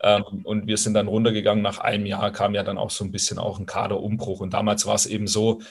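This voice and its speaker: A man's voice: fairly low pitch, level tone, fast, vocal fry, slightly rough. A man in his forties from Swabia with Italian roots, a former professional footballer giving reflective interview answers, thoughtful and hesitant with frequent fillers. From Swabia, Germany, Italian roots.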